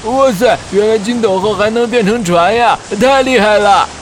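A man voicing a timid, food-loving, excitable little male pig in a children's audio story. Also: high voice, normal speed, slight background noise, lightly acted, low-quality recording. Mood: excited, grateful.

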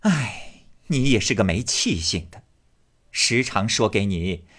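A man's voice: lowish voice, animated, takes it slowly, a bit bright, exaggerated voice. A man voicing a bossy, domineering young matriarch in a storybook reading, scolding and commanding.

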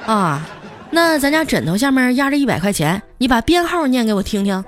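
A woman voicing a sharp-tongued wife who is checking up on her husband. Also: fairly high pitch, sing-song, brisk, faint music behind, some chatter behind, voice pushed up. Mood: scolding. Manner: snappy and scolding.

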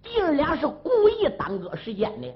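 A man performing a traditional story, animated, with sound effects and asides to listeners. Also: extremely high pitch, moderate pace. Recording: dull sound, faint music.

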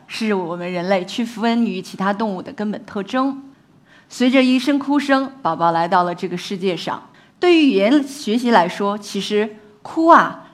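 This is a woman researcher delivering an animated public lecture on how babies pick up language, often turning questions to the crowd. Her voice sits in the mid range.

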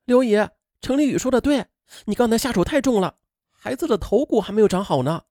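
A man voicing a young wife who speaks softly, choked and pleading. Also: high voice, animated, brisk, no echo, clean studio sound, voice pushed up.

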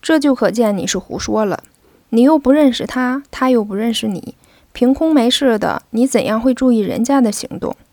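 A woman's voice: fairly high pitch, moderate pace, warm tone, dry recording, close to an everyday voice. A woman voicing a carefree young rich man who teases his servant, in a storybook reading. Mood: teasing. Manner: playful, teasing. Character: young wealthy playboy man, teasing and carefree.

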